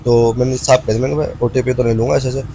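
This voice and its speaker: A motovlogger from Haryana, India, races through a casual story on his bike, chatting in a slangy mix of Hindi and English words and calling his audience brother. His voice is medium in pitch and dark in tone, with fairly even intonation. Clear engine and road sounds fill the recording, along with vehicles and outdoor ambience.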